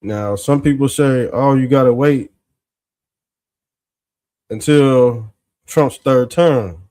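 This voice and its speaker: A man hosting an informal political commentary show, talking in folksy street style with drawn-out emphasis and a smug, sarcastic exposé manner. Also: medium pitch, warm tone.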